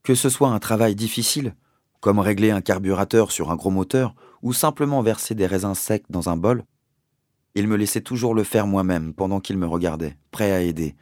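A man narrating an audiobook in a measured, deliberate storytelling manner. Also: lowish voice, a little mellow, no room sound, studio quality. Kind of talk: audiobook reading.

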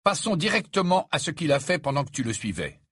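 An impatient teenage boy wizard, read by a male narrator, urgent and eager, with a lively, rising voice. The voice is slightly husky and close. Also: on the high side, brisk, no echo, voice pushed up, exaggerated voice. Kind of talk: audiobook character voice.

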